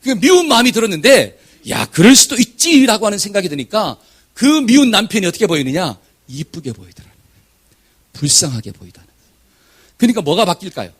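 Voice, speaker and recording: Man pastor telling a sermon story, husky-ish voice, bit high, acts out the prayers, goes soft then loud.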